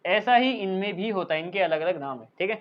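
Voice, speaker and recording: A man teaching a school science class, talking the students through each step and pausing to dictate definitions as he writes. The recording sounds a little dull and muffled. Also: high-pitched, lively intonation. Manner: explanatory, repeats "thik hai" as a check-in; dictates English definitions slowly while writing. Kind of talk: classroom lecture.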